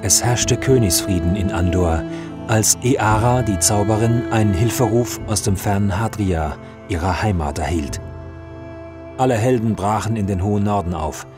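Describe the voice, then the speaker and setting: A man narrating a scripted fantasy story in a measured, dramatic way. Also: fairly low pitch, loud music behind the voice.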